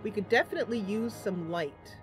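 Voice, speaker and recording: This gameplay host speaks in a medium-pitched, animated voice, a little on the fast side. She chats casually and playfully thinks out loud, slipping into voiced role-play while game music plays behind her.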